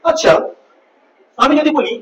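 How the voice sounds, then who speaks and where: A man teaching grammar in a classroom style, repeating sample words slowly and quizzing his listeners. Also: very high voice, lively intonation, pushed and bright, recorded from a distance. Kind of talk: classroom-style lesson with board writing. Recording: echoey room miked from afar, faint hiss.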